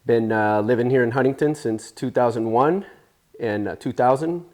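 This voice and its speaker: A man in his forties, raised in Spain, telling stories in a relaxed interview with plenty of fillers and restarts. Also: medium pitch, moderate pace. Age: 40s. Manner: easygoing, rambling, with many fillers. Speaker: interview guest, surfer. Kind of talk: casual storytelling interview.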